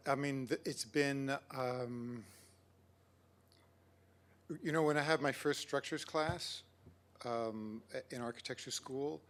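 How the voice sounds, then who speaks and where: A man giving a lecture and then answering audience questions, speaking in a measured, reflective way with some hesitation. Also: medium pitch, a bit bright.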